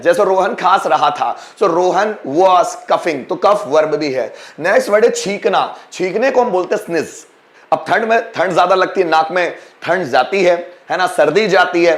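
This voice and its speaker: A man teaching English vocabulary who explains slowly, repeats each word and asks and answers his own questions. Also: sits high, echoey room. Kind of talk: vocabulary lesson.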